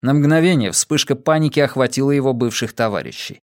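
A man reading a dramatic audiobook in a steady, measured narrating voice. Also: medium pitch, no echo, clean studio sound. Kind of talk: scripted narration.

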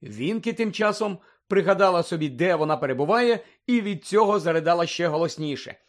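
A man narrating a children's fantasy novel as an audiobook, in a steady storytelling delivery. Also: high voice, a little fast. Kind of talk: scripted narration.

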